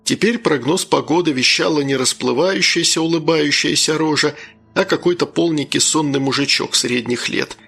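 A man narrates a first-person story in a dry, sardonic manner. His voice is husky and slightly high, with a gravelly edge and quiet music underneath. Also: moderate pace. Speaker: audiobook narrator.

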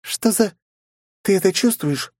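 Here a man lifts his voice above its natural pitch to perform a haughty, possessive young princess for an audiobook, sounding animated, a little slow and a little mellow. In a furious, threatening mood, she snaps, scolds and menaces, captured in clean studio sound without echo.

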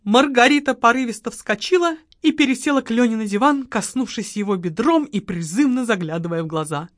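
A woman reading an audiobook as narrator, with an even storytelling delivery. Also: a little high, brisk, dry recording, studio quality. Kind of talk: scripted narration.

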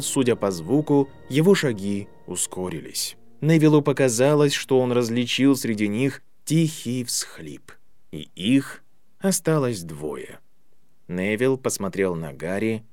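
Male audiobook narrator, measured storytelling delivery, soft music bed. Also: medium pitch, big pitch swings, no echo. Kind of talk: scripted narration.

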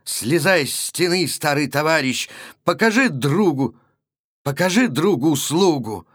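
Guy reading as a proud cossack husband, stern, a touch high, storybook. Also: expressive, a little slow, fairly bright tone, husky, no echo, clean studio sound, full character voice. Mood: defiant. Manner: stern, commanding. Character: proud young Cossack husband, fierce and stubborn.

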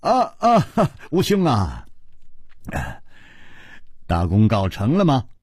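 A man's voice: mid-range voice, very animated, measured pace, a little mellow, slightly rough, no room sound, clean studio sound, voice pushed down. A man playing a charming young swordsman who hedges and stalls with hesitant filler sounds. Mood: relieved.

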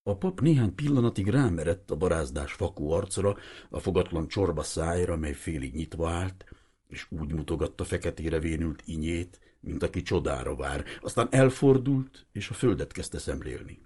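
A man reading a novel aloud in a measured storytelling manner. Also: deep voice, animated, mellow, slightly rough. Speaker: audiobook reader. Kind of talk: scripted novel narration.

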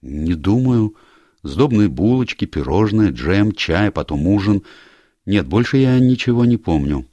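A man reading an audiobook voices a young woman caught off guard, her lines lifted higher than his own deep voice. The delivery is dry and close to the mic, quick and exclamatory. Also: big pitch swings, warm tone, no echo, lo-fi sound. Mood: urgent. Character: Susan Banks, composed young woman.

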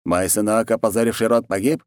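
A man's voice: fairly low pitch, steady tone, a little fast, smooth, no echo, clean studio sound, voice pushed up, natural voice. Man voicing a fat cruel lazy khan. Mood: peevish. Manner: lazy, peevish, bossy.

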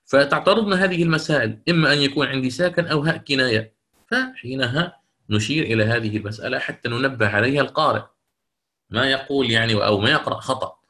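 A middle-aged man with a medium-pitched, sharp-toned voice gives an online lecture on the rules of Quran recitation, including recited examples. He explains things step by step, pausing to check that his students understand and to answer their questions.

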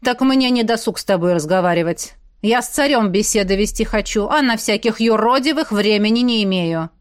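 Woman doing a stern, quietly menacing man. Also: no room sound, clean studio sound, close to an everyday voice. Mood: cool. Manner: low, slow, measured.

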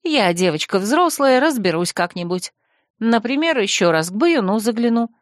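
A woman's voice: a little high, big pitch swings, moderate pace, no echo, clean studio sound. A woman as a defiant, hot-tempered heroine. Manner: hot-tempered, stubborn, exclaiming. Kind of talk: audiobook character voice.

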